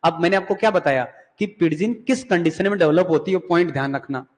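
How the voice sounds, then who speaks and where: Male lecturer with a high voice, echoing classroom. He reads terms slowly and repeats himself. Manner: asks and answers his own questions, repeats key terms; reads English terms slowly, explains in Hindi. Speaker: English teacher.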